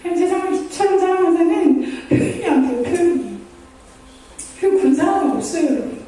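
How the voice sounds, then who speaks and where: A woman's voice: very high voice, lively intonation, brisk, warm tone. A woman missionary preaching a sermon, earnest and pleading, acting out prayers in the first person. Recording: echoey hall from far off.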